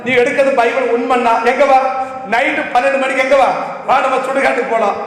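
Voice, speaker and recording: A man's voice: extremely high pitch, fairly even intonation, fairly bright tone. Guy preaching, fires question after question at the crowd, super echoey hall. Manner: rapid-fire rhetorical questions to the congregation. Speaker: pastor. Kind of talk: sermon.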